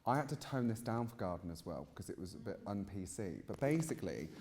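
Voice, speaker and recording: A man's voice: fairly low pitch, animated, fairly quick, a little mellow, slight background noise. A British man in his mid twenties with a chatty, campy, gushing manner, telling personal stories casually as an interview guest. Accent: British English. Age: mid 20s. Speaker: interviewed guest, drag queen gardener. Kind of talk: casual personal storytelling on stage. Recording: reverberant hall, live event sound.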